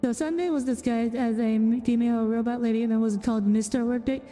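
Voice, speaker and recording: A woman's voice: a little high, fairly even intonation, fast talker, warm tone, long reverb tail, faint music behind. A woman streamer giving casual, rambling commentary while playing a game, chatty and full of asides. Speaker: vtuber streamer.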